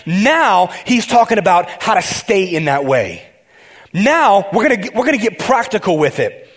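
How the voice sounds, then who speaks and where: High-voiced, excitable male preacher. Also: normal speed. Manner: excitable, talks straight to the congregation with frequent restarts. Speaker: pastor. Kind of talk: conversational sermon.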